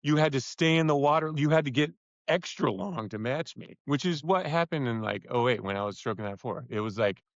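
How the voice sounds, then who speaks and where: A man hosting a podcast in casual chat, animated and laughing as he tells stories. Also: mid-range voice, brisk, no room sound. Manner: animated storyteller, acts out quotes, laughs often. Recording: dull lo-fi podcast audio.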